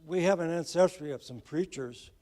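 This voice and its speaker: Middle aged dad doing a wedding speech, jokey, voice a bit high for a guy. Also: normal speed, warm tone. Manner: joking, self-deprecating. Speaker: father of the groom.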